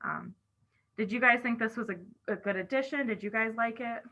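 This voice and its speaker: A woman's voice: on the high side, brisk, bright, forceful tone. A woman chapter officer leading an online meeting in a chatty way, talking around a cough drop in her mouth. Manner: chatty, many "I feel like" asides. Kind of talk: casual online meeting talk. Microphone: video call. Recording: dull lo-fi call audio.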